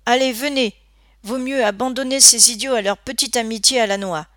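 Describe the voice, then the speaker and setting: A woman's voice: a little high, fairly even intonation, moderate pace, fairly bright tone, no room sound, clean studio sound, voice pushed up, lightly acted. Scott, a woman doing a scornful teen bully. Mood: méprisant. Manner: scornful, boastful. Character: Scott, a blustering teenage boy bully.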